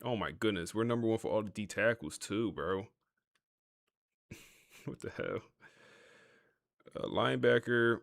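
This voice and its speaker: A man's voice: lowish voice, a little slow, gravelly, long pauses, no echo, clean studio sound. A man hosting a gaming livestream, chatting casually to his viewers in a laid-back, talkative way while he plays. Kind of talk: casual live-stream commentary.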